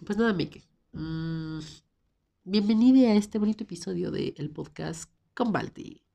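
A woman's voice: on the low side, measured pace, creaky, dark tone, dull audio. A woman with a Mexican Spanish accent hosting a casual solo podcast, rambling and self-mocking, with a cold and a sore throat. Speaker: podcast host.

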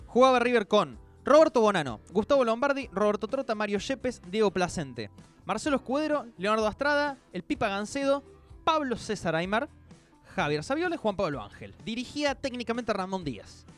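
High, lively Argentine man presenting football. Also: brisk, faint music behind. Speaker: sports radio show presenter. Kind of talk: conversational football nostalgia segment.

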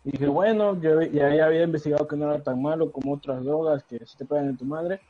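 Male Mexican guest, mellow tone, slangy storytelling, dull lo-fi call recording. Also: on the high side, fairly even intonation, fast talker. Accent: Mexican Spanish. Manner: slangy, says "güey" constantly. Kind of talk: casual chat.

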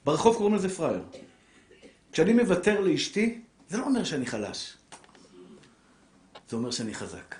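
A middle-aged man giving a religious lecture on marriage, animated and preacherly, swinging between soft, low lines and raised, pressing ones. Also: pauses often. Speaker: rabbi lecturer. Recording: echoey room.

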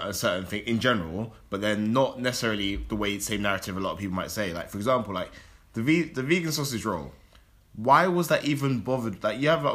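A young man chatting casually and arguing his opinions in an animated, slangy, sweary way. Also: fairly low pitch. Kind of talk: casual chat, debate.

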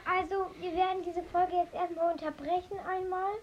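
A woman's voice: very high voice, flat delivery, moderate pace, lo-fi sound. A young girl hosting a casual show, chatting informally to her listeners. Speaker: host of a kids' challenge show. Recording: noisy home recording with clicks.

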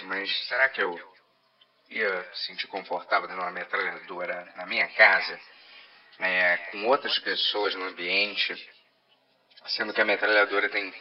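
A Brazilian man with a low voice co-hosts a podcast from the studio, using a half-robotic voice filter and pretending to be a machine as he trades playful, jokey banter. The recording sounds muffled.

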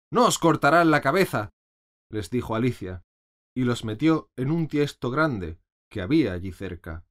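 Male audiobook narrator, animated lilting delivery, mid-pitched storybook reading. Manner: expressive reading.

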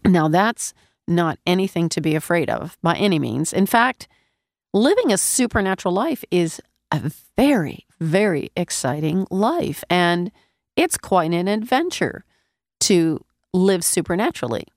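Gravelly, nasal woman radio preacher with a cold. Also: fairly low pitch, sing-song, a little slow, no echo, studio quality. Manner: earnest, emphatic, repeats key phrases. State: congested, getting over a cold. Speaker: radio preacher and show host. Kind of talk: radio sermon.

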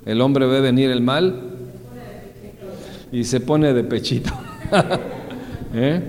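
A man preaching a sermon, asking his listeners questions and answering them himself, swinging between loud high exclamations and low quiet asides. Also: extremely slow. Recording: long reverb, faint background ambience.

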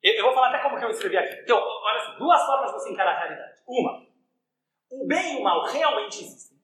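A man, a rabbi giving a lively religious lesson to a live audience and often asking them questions. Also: very high voice, fast talker. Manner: animated, questions the listeners. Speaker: rabbi teaching a class. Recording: echoey room.

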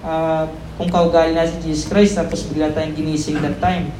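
A preacher giving a conversational Sunday sermon, tagging phrases with quick questions to the congregation, mixing in English words and laughing off their own slips. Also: mid-range voice, level tone, mellow, reverberant, a little hiss or hum, poor audio. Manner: tags nearly every phrase with "no?" and "di ba?"; stumbles, self-corrects and laughs at own slips.

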